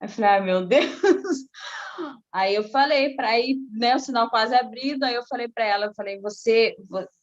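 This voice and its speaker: A middle-aged woman, telling a personal faith testimony in a casual, animated way. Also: fairly high pitch, normal speed, dull audio. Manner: animated storytelling, acting out quoted voices. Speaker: guest giving a testimony.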